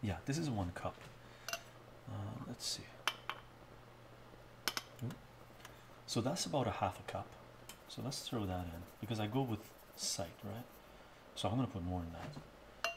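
Heavy background noise surrounds this fairly low, creaky male voice. A middle-aged cooking streamer talks informally to his live-stream audience as he cooks at home, frequently tossing in "right?", while drifting closer to and farther from the stationary camera microphone.

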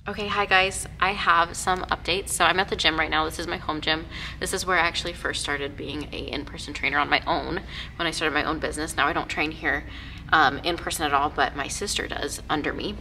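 A woman's voice: low voice, steady tone, a little fast. A young woman trainer talking casually to a vlog audience and explaining exercises in a gym. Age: young adult. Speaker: fitness trainer and vlogger. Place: indoors in a gym. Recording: noisy gym with loud background noise.

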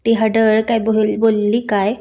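A woman voicing a brash, fiercely loyal young woman friend who talks loud and blunt in a storybook reading. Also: mid-range voice, monotone, a little slow. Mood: fiery.

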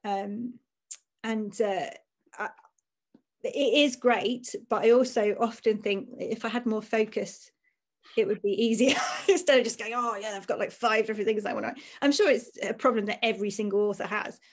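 A woman's voice: a little high, fairly even intonation, moderate pace. Chatty woman author on a video call. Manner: chatty, self-deprecating, laughs often. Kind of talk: casual video-call conversation. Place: home room with bookshelves.

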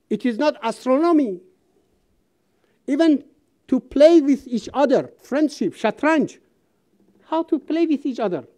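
An Iranian woman whose first language is Persian gives a seminar speech in an auditorium, speaking halting English emphatically and reciting verse. Her voice sits high and sounds mellow.

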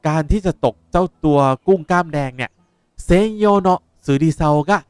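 A young man, a language teacher explaining words in a lively way while playing a game. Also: on the high side, normal speed, clean tone, dry recording. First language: Japanese. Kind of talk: game playthrough lesson.

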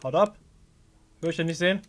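This young German gaming host speaks a little fast in a voice on the high side while playing a horror game. He mutters to himself, addresses the characters directly, and yelps whenever something scares him.

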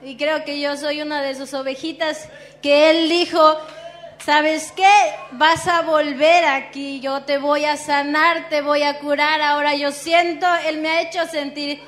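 A high-voiced woman tells her church testimony. Her telling is emotional and halting, with many pauses and fillers. She speaks to a congregation. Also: little pitch movement, a bit bright. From Peru. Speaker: church member giving testimony.

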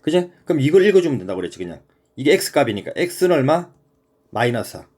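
A man's voice: mid-range voice, big pitch swings, moderate pace, a little mellow. A man teaching a middle-school math lesson in a casual, conversational way, often checking that the student follows.

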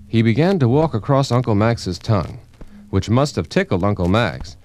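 A man giving clear, even scripted narration of a children's storybook. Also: medium pitch.

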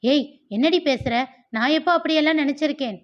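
A woman's voice: sits high, normal speed, close to an everyday voice. A woman doing an indignant sister-in-law. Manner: raised, indignant questioning. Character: agitated woman, sharp-tongued elder sister-in-law. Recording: dull lo-fi recording.

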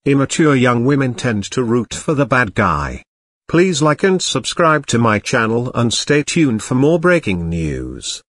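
A man voicing a smug male robot cat who presents scripted comedy news in a deadpan, mock-formal way. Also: mid-range voice, unhurried, dry recording, studio quality.

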